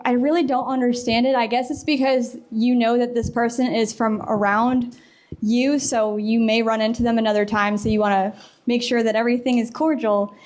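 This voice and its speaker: A woman's voice: a little high, a little mellow. A young woman from the US Midwest and South giving a casual conference talk, chatty and full of fillers, acting out bits of dialogue. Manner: chatty, filler-heavy, acts out quoted dialogue. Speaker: conference presenter. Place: conference room.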